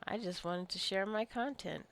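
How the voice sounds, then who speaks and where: Playing a game on stream, a woman rambles casually and jokingly scolds her characters, sounding a little tired and wanting coffee. She speaks at normal speed in a mid-range, slightly bright voice.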